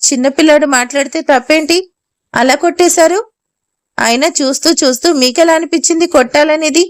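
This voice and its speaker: A woman voices a kind young woman who defends and comforts a child. She speaks firmly in a high voice. The recording is close and dry. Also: no room sound, close to an everyday voice.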